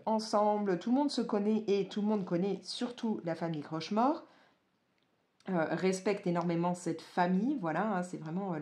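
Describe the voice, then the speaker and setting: A young woman with a somewhat low voice talks loosely about a book she just read. She hesitates often, filling gaps with little fillers and restarting her sentences. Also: a little mellow. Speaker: vlogger. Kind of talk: casual book review chat.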